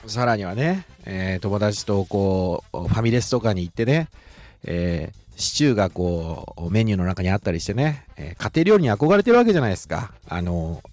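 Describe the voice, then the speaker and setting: A man from Shizuoka with a Shizuoka accent, hosting a solo podcast in a polite, chatty way full of filler pauses. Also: fairly low pitch, animated, darkish tone, dry recording. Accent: Shizuoka Japanese. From Shizuoka, Japan. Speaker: podcast host. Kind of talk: casual solo podcast talk.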